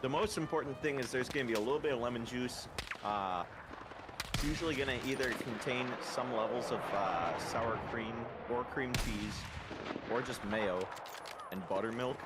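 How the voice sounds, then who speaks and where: A man's voice: medium pitch, normal speed, very noisy. A man from the American Midwest chatting casually while gaming, rambling and swearing now and then. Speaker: podcast host and gamer. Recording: loud game gunfire behind. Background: game gunfire and explosions.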